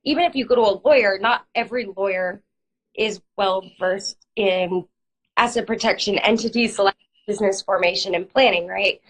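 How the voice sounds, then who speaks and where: A woman's voice: medium pitch, normal speed, rough recording. A woman lawyer with a cold, explaining legal matters plainly in a live online interview. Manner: plain explanatory, uses hedging fillers. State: has a cold, clearing her throat. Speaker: lawyer, guest. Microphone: online video stream.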